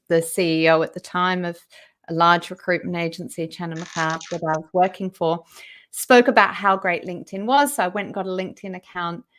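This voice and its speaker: Animated woman telling her story. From Australia. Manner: animated, raises her voice high when quoting people. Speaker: interview guest. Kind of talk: conversational storytelling interview.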